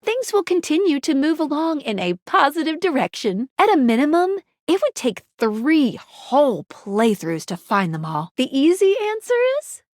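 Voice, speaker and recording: Perky high-voiced game guide Skylar. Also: female voice, normal speed, few pauses, no echo, clean studio sound. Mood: cheerful, explanatory. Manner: bubbly, teasing, expressive delivery. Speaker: tutorial guide and dating sim character. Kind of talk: scripted video game character dialogue.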